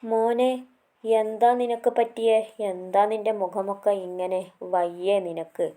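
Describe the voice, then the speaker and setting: A woman's voice: medium pitch, fairly even intonation, measured pace, warm tone, natural voice. A woman reading a story aloud, voicing an anxious middle-aged mother who pleads over her son. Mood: distraught. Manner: distraught, pleading.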